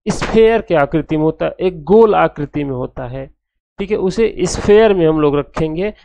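A man's voice: high voice, dry recording, dull audio. Man explaining exam answers, dry close sound. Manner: steady, explanatory, restates each point. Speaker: art exam tutor.

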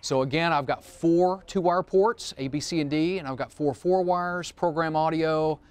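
A middle-aged man leads a seminar in a studio room, seated at a demo table among a small group, giving an informal technical product demonstration in plain-spoken terms with casual asides. His voice is on the high side, smooth and darkish, at a moderate pace, picked up close by a wireless mic.

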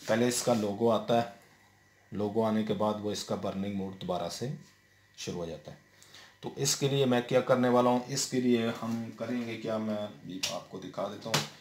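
A man with a lowish voice walks through a television repair, pausing on fillers and checking in with the viewer as he works. The room sounds echoey and a faint hum sits under him. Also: a little mellow. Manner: explains step by step, many fillers and repeated "theek hai". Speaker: TV repair technician. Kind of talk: hands-on repair tutorial. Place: indoor room at a workbench. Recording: roomy echo with faint noise.

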